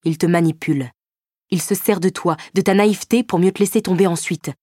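A woman's voice: lowish voice, brisk, warm tone, no echo, clean studio sound, lightly acted. A woman reading an audiobook voices a jealous young boyfriend, cold and cutting, with a sneer. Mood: resentful.

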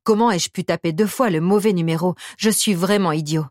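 A rattled young American man on the phone, read by a woman narrator, quick to apologize and to put himself down. He talks in a hurry. The audiobook recording is dry and close. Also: on the low side, a little mellow, dry recording, close to an everyday voice. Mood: flustered. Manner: hurried, self-deprecating, apologetic. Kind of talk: audiobook character voice.

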